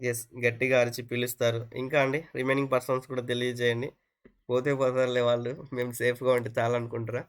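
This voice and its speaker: Casual: guy preaching quick, keeps asking the people questions, repeats himself, throws in english words. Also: medium pitch, level tone, clear, resonant tone. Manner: asks the listeners questions and repeats phrases; mixes English words into his speech. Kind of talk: interactive sermon on an online call.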